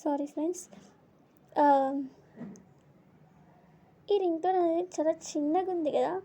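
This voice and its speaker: A high, warm-toned woman hosting a phone tutorial. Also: steady tone, measured pace. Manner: addresses viewers as friends, repeats screen-reader words. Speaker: tutorial host.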